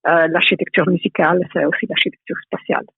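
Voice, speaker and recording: A middle-aged Italian woman speaks with a clear Italian accent, searching for words and often repeating herself as she answers. Her voice is gravelly and husky. The sound is thin and phone-like, and very dry. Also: fairly low pitch, steady tone, no echo. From Italy. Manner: hesitant, many pauses and repeated words. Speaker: architecture professor, guest. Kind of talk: thoughtful interview answers. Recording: tinny phone-like line, dry.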